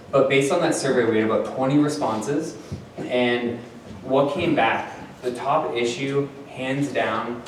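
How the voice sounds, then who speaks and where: A man's voice: mid-range voice, a little hiss or hum. Man, town hall moderator, chatty with fillers, echoey room, distant mic. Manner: conversational, many fillers. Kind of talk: public meeting address. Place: community meeting room.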